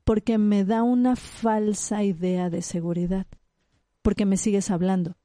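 A psychologist appears as a guest in a conversational expert interview, explaining her subject animatedly and acting out short examples. Her voice is mid-range and a little slow. The recording is clean studio audio with no echo.

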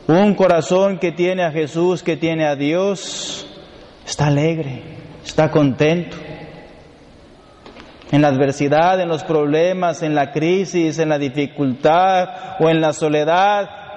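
Priest preaching, high voice, emphatic repeated lists, church echo w faint noise. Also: male voice, steady tone, slow, darkish tone. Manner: emphatic lists, with humorous storytelling asides. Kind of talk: sermon. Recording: long hall reverb, faint background noise.

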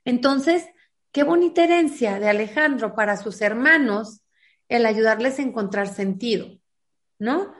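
A woman's voice: fairly high pitch, lively intonation, a little slow. A woman, earnestly telling a personal story as an interview guest and acting out the dialogue she recalls. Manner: earnest, acts out quoted dialogue. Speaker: guest, foundation founder.

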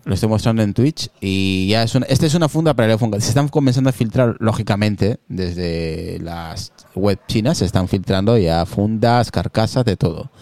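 A man's voice: on the low side, moderate pace, hardly any pauses, darkish tone, dry recording. A man hosting a casual tech chat from his hot living room at home, teasing his co-hosts. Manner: teasing, joking banter. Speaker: podcast host. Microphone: computer with a phone camera on a video call.

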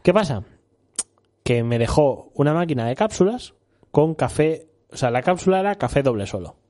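A man's voice: a little high, sing-song, normal speed, a little mellow. A young man from Spain, co-hosting a casual chat and telling a rambling story, often laughing and saying "tío". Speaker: co-host.

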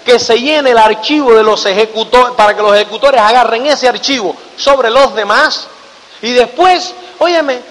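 A man giving a motivational talk to an audience, animated, often checking whether listeners follow him. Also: very high-pitched, moderate pace. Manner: animated, keeps asking "do you get it?" tag questions. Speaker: motivational speaker. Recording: echoey hall reverb.

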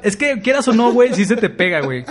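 A man's voice: sits high, very animated, quick pace. A man from Mexico with a Mexican accent, hosting a podcast and joking around in casual, slangy banter. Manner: joking, laughs often, slangy. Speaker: podcast host.

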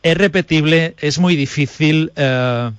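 A man's voice: a little high, a little slow, clean tone, no echo. Dry-voiced male radio host. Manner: friendly, brief back-channel prompts. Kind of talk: casual radio interview.

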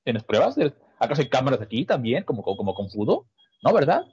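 A man's voice: mid-range voice, sing-song, quick pace, a little mellow, slightly rough. A man voicing a mischievous six-year-old girl who plays innocent and talks her way out of trouble. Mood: smug. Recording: dull lo-fi sound.

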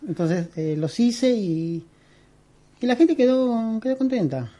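A middle-aged costume and prop maker from Peru takes it slowly in a casual interview, his high voice warm and expressive. He speaks with a Peruvian Spanish accent and rambles with plenty of fillers and restarts.

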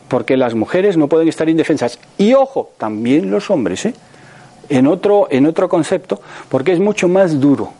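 Spanish man in his sixties, motivational speaker with a high, swooping voice, talks to the room with rhetorical questions. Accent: Spain Spanish. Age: 60s. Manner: animated, many rhetorical questions and checks like "right?". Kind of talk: motivational talk to an audience.

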